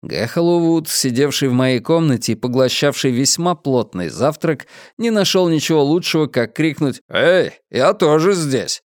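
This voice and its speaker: A man reading an audiobook in a measured, wry first-person storytelling manner. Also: a little high, animated, dry recording, studio quality. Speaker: narrator. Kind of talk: audiobook narration.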